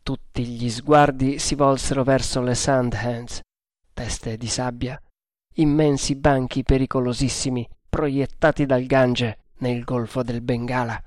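A man reading an adventure novel aloud in a measured, deliberate narration. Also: medium pitch, a little mellow, dry recording, studio quality.

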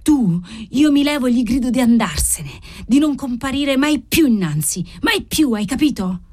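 Audiobook: dying feverish young woman, whispery to shrill, read by a woman. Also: lively intonation, measured pace, dark tone. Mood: furious. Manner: breathy whispers rising to high cries. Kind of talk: audiobook character voice.

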